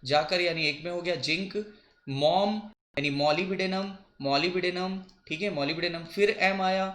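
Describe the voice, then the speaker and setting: A man teaching a biology coaching lesson, repeating and spelling out memory tricks slowly for his students. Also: sits high, a bit bright. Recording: echoey room.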